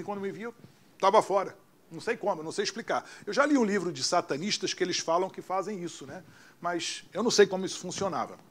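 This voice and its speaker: Brazilian pastor, man, high voice, dramatic sermon testimony, hushed quoted lines. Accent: Brazilian Portuguese.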